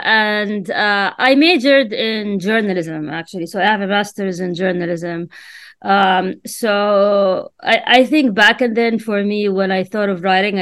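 A woman's voice: medium pitch, fairly bright tone, clean tone, dry recording. Woman from jordan, arabic first language, talks in stops and starts with lots of ums, dry sound. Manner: hesitant, many fillers and restarts. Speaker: author and writer, interview guest. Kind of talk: casual interview answers.

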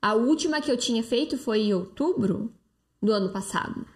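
A woman's voice: fairly high pitch, animated, normal speed, darkish tone. A woman with a Brazilian Portuguese accent, hosting a live stream and answering viewer comments in a chatty, persuasive way with frequent fillers. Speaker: live-stream host, detox coach. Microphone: phone close-up.

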